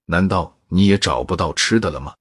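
A man's voice: low-pitched, a little fast, husky, no echo, studio quality. A man telling a story and voicing a spoiled, greedy young man in his own plain voice. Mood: puzzled. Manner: plain storyteller's voice with little change.

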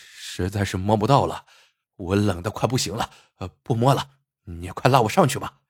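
Guy doing a freezing magistrate begging to get out, kinda low and quiet, stammery. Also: sing-song, normal speed, breathy edge, no room sound, clean studio sound. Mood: pleading. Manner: shivering, stammering pleas. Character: arrogant male county magistrate, freezing and begging.

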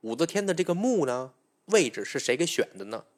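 A man's voice: a little high, big pitch swings, a little fast. A man telling a folk tale as a storyteller, chatty and speaking straight to the listener. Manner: chatty, addresses listener directly.

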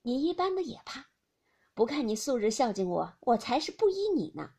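A woman's voice: sits high, sing-song, normal speed, mellow, breathy edge, pitched above the performer's own voice, full character voice. A woman reading as a teasing noble lady. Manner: bantering, scolding with laughter. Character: teasing, sharp-tongued noble lady of middle years.

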